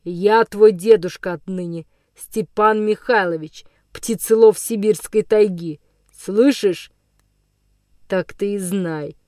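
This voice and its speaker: A woman voicing a coarse older male forest vagabond villain in an audiobook, with a rough, menacing, gloating voice. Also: medium pitch, darkish tone, dry recording, clean studio sound, lightly acted. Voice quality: rough, hoarse-edged voice. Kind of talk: audiobook character reading.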